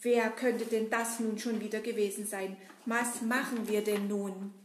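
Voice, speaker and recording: A woman voicing a gentle, anxious Easter bunny in a children's puppet show, soft and plaintive. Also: mid-range voice, little pitch movement, a little slow, a little hiss or hum, close to an everyday voice. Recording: roomy echo.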